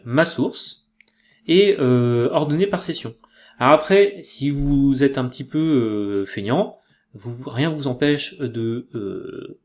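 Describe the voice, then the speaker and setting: Chatty French man explaining software. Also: mid-range voice. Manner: chatty, loose, many fillers and self-corrections. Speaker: tutorial presenter. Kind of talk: casual screen-recorded software tutorial.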